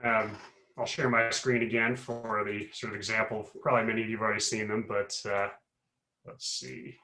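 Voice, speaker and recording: A professor explaining on an echoey call. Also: male voice, on the low side, little pitch movement, moderate pace, pushed and bright, slight background noise. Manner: rambling, explanatory, frequent fillers and restarts. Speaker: guest speaker, professor. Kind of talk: explanatory talk on a webinar. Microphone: video call.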